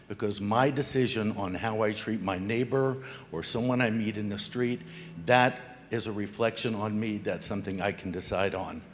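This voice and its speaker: A middle-aged man from the Democratic Republic of the Congo stands in the audience and asks a question from the floor at a panel event. His low voice echoes in a reverberant hall, and he speaks earnestly and reflectively, quoting proverbs.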